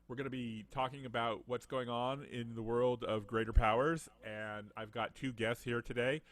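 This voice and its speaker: A man hosting a casual video-call chat, animated and jokey, slipping into mock voices. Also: mid-range voice, normal speed. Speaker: podcast host.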